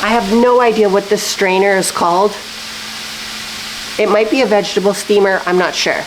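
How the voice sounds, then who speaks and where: A woman fitness vlogger keeps a steady tone and normal speed in her mid-range voice as she chats while cooking in her home kitchen. She's upbeat and full of fillers, a little stuffy and nasal following a cold. The background is noisy, with faint sizzling of frying food.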